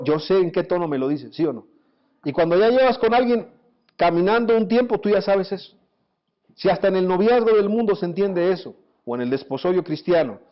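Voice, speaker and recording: A pastor preaching a sermon, animated, asking his listeners rhetorical questions. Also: high voice. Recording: dull lo-fi recording.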